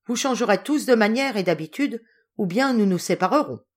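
A woman's voice: fairly low pitch, sing-song, measured pace. A woman voicing a stern, irascible old male general in a storybook reading, speaking harshly. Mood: angry scolding. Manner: harsh, scolding.

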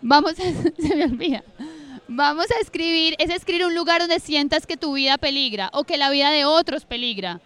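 High, bright-voiced woman leading a workshop. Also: normal speed. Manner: chatty, repeats instructions, laughs at herself. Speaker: workshop facilitator. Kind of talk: guiding a group writing exercise. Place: outdoor park. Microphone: handheld mic, often held away.

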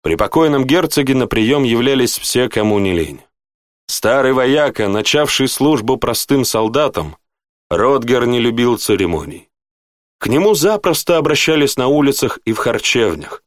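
A man's voice: very animated, moderate pace, no echo, clean studio sound. A man reading an audiobook aloud, narrating the story and voicing its characters in turn by lifting his voice for their lines. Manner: shifts pitch up for dialogue characters.

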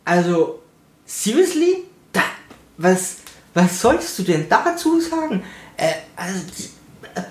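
A young man telling a personal story in a casual, sarcastic way, acting out the voices of the people he quotes. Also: high-pitched. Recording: roomy echo.

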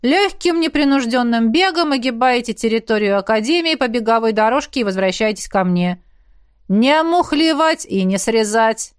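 A woman barking as a gruff burly male coach. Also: on the high side, animated, normal speed, dry recording, clean studio sound, natural voice. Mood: ordering. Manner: barking commands, shouting. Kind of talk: audiobook character voice.

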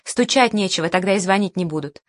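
A woman's voice: mid-range voice, quick pace, dry recording, lightly acted. A woman reading the part of a male screenwriter who answers bluntly and mockingly, in a dry recording.

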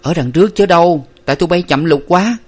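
A man reading a storybook aloud, voicing a bossy, fierce young woman who is the eldest sister, with a sharp, scolding manner. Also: on the high side, fast, voice pushed up, natural voice. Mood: impatient.

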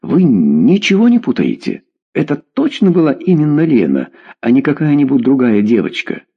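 A man's voice: wildly swooping pitch, normal speed, vocal fry, slightly rough, muffled recording, full character voice. A man reading a story aloud, voicing a middle-aged mother who is frantic and scolds her daughter. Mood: alarmed. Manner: shrill, exasperated.

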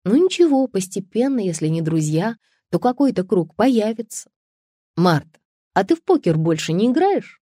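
A woman's voice: medium pitch, big pitch swings, normal speed, warm tone, no room sound, clean studio sound. A woman voicing a frank, teasing best friend. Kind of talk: audiobook character voice.

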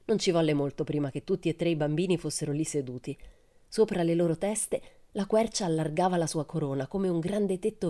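A woman reading a children's storybook aloud with an expressive, warm manner. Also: fairly low pitch. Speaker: audiobook reader. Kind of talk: storybook narration.

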